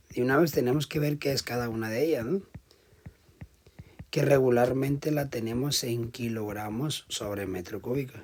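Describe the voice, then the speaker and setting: A man giving a classroom lecture, explaining step by step and often checking in with the class, his volume swinging between loud emphasis and quiet asides. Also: medium pitch. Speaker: teacher.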